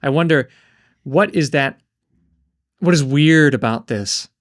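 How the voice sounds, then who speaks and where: A man's voice: a little high, takes it slowly, no echo, clean studio sound. Man, book discussion co-host, thoughtful and questioning, hesitant ums.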